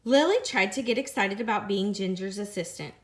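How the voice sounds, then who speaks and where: Reading a picture book to her class, a teacher tells the story expressively, taking repeated phrases slowly and lifting her voice for each character. She speaks in a mid-range voice.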